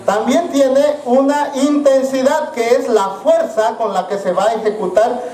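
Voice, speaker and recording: High-voiced man teaching in a roomy hall. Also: mellow. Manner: halting, many fillers, addresses listeners as brothers. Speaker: church music teacher. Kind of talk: live teaching in a congregation. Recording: roomy sound from a distance, with music.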